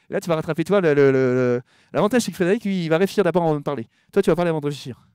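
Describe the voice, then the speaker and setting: A man giving a conference talk to an audience. He talks fast, mumbles his words, and often repeats himself and restarts sentences. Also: fairly high pitch, a little mellow, smooth, no room sound. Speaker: conference speaker.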